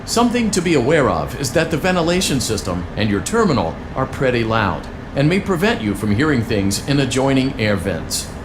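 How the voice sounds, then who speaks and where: Over background music and a little noise, a man with a mid-range, close-to-everyday voice delivers scripted tutorial lines as a video game's pizzeria franchise guide. He plays an upbeat, salesy corporate trainer with an encouraging, peppy manner.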